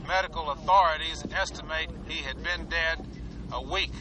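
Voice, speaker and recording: An actor playing a middle-aged male war veteran who speaks in a low, measured, plainspoken way. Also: close to an everyday voice. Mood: somber. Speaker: veteran occupying a park. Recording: film clip with street noise.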